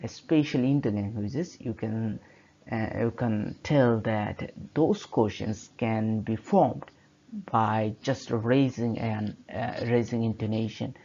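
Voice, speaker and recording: A man's voice: on the low side, takes it slowly, dark tone. A male teacher whose first language is Bengali, narrating a slideshow lecture in a hesitant way, with many fillers and restarts. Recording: slightly dull lo-fi audio.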